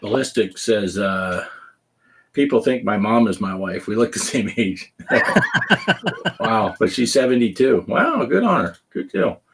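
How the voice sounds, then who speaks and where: As host of a casual gaming podcast, a man in his fifties spins stories, laughs often and acts out quoted lines in easygoing chat. His lowish voice has lively intonation and an unhurried pace, with slight background noise behind it.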